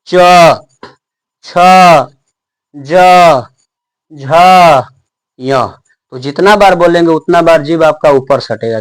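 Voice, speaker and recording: A young male teacher, giving a classroom lesson. He asks questions and answers them himself, and slows down to sound out each letter. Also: on the high side.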